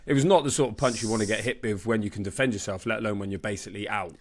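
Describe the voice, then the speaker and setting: Originally from Brisbane, Australia, this boxing reporter and podcast co-host rattles through casual sports talk very fast. He keeps a lowish, steady voice and uses plenty of slang and swearing.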